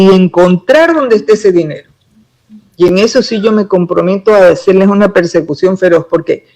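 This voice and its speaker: An emphatic woman, a political pre-candidate, talks at length in a casual interview, building each explanation point by point with conviction. Her medium-pitched voice is a little mellow, and the audio is poor.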